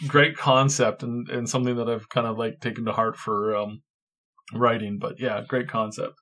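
Man, podcast co-host, casual chat, middle pitch, playful, rambling. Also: little pitch movement, moderate pace, fairly bright tone. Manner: playful, rambling, many fillers.

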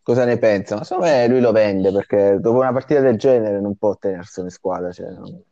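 A man hosting a casual football discussion, halting as he searches for words, in slightly dull, lo-fi audio. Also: lowish voice, mellow, no echo. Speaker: host of a fantasy football discussion. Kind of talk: casual sports commentary chat.

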